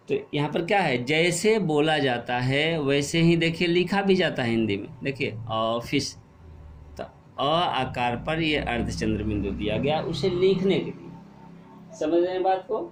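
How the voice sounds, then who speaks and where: A man gives a Hindi grammar lesson to children, his voice sitting a little high. He keeps asking a question and then answering it himself, and he stretches the example sounds out slowly. The recording is echoey, with faint ambient noise behind him. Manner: asks questions and answers them himself, repeating key words; slow, drawn-out stress on example words. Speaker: teacher. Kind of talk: grammar lesson for young pupils.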